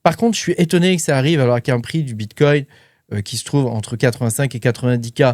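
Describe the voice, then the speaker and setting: A man talks crypto news in a loose, chatty way, full of fillers and little asides to the listener. His voice sits in a middle pitch and is recorded close and dry, with no room sound. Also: fast talker, darkish tone, no echo. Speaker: crypto and mining channel host. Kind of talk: casual commentary to camera.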